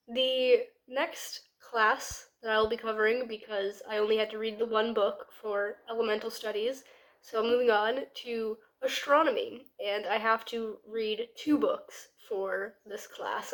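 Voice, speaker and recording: Stuffy-nosed young woman, higher-pitched voice. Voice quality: stuffy, nasal. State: congested, blocked nose from a sinus infection. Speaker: book vlogger. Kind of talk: casual rambling vlog chat.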